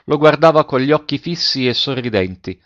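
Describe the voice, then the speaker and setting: Male narrator, storybook reading, measured pace, mid pitch, muffled lo-fi recording. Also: animated, fairly bright tone. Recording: dull lo-fi recording.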